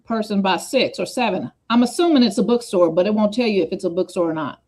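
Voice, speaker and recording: A woman hosting a casual livestream chat on a video call, talking fast and jumping between points with many asides. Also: medium pitch, expressive, darkish tone. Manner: fast, scattered, chatty with repeated asides.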